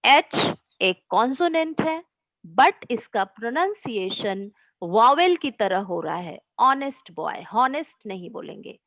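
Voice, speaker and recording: A woman teaching children English grammar online, explaining slowly and patiently, mixing Hindi and English, with encouraging words. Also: a little high, sing-song, a bit bright, no echo, poor audio.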